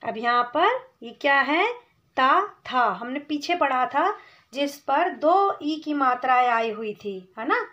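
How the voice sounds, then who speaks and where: A woman with a high, bright-pitched voice teaches young children to read, moving at an unhurried pace and pausing to sound out each syllable clearly. She keeps checking in with her young listeners, and the recording sounds slightly dull and lo-fi. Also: expressive. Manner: addresses listener as "beta", checks in with "theek hai" often. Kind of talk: slow patient classroom explanation.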